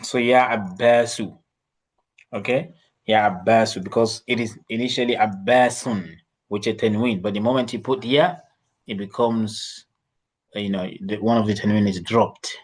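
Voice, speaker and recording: A man's voice: on the low side, steady tone, moderate pace. A man teaching an online Arabic class, patiently repeating phrases and coaching a student's pronunciation.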